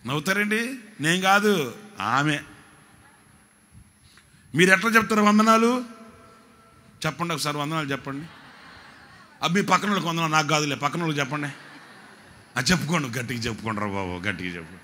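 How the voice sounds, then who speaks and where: A man preaching at a whole-night prayer service, shouting to the congregation, then dropping low to tell joking stories. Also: lively intonation, brisk, pauses often. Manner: shouting, urging the crowd to clap and say amen; drops to a low, joking storytelling tone. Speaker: pastor.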